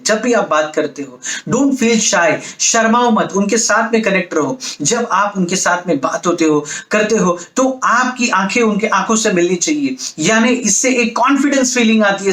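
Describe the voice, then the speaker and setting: A man's voice: high-pitched, a bit bright, roomy sound. A male business coach giving an emphatic motivational lecture, asking the audience rhetorical questions.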